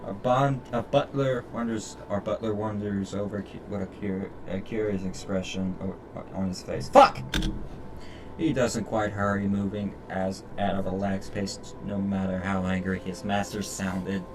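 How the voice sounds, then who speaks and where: A man with a lowish, steady voice live-streams a game, reading the story aloud at an unhurried pace with stumbles and sweary commentary. His mic is distant, and game music plays behind him amid the background noise.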